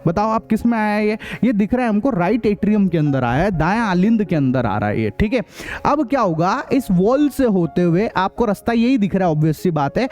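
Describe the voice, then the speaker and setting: A man's voice: sits high, darkish tone. A man with a Hindi accent teaching a science class, repeating key terms and quizzing students in a casual way. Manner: repeats key terms and asks quiz questions back; casual, addresses students as brother. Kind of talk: explanatory classroom lesson.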